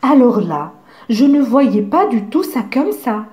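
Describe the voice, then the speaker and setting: Brief: woman voicing a little storybook mouse boy, high and lively, plaintive questions. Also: unhurried, reverberant. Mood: disappointed. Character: small curious doubtful male mouse. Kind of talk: storybook character voice.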